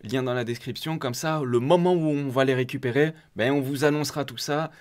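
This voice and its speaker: A man's voice: medium pitch, fairly quick, darkish tone, clear, resonant tone. Chatty man hosting a how-to walkthrough. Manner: chatty and informal, walking viewers through clicks step by step. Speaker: host of a crypto community channel. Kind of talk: casual screen-share tutorial.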